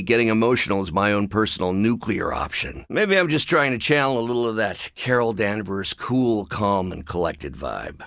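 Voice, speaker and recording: Bruce Banner, gravelly wry scientist. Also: male voice, lowish voice, a bit bright, no room sound, studio quality. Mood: dry, sardonic. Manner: articulate, precise, dryly sardonic, technical phrasing. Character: brilliant, anxious, wry adult male scientist with buried anger. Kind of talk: video game voice acting.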